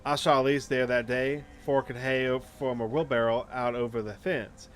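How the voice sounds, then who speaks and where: A man playing through a visual novel as a let's player reads it aloud, stumbling now and then and tossing in casual commentary. His voice is medium-pitched, steady and moderately paced, with clear background noise and ambience.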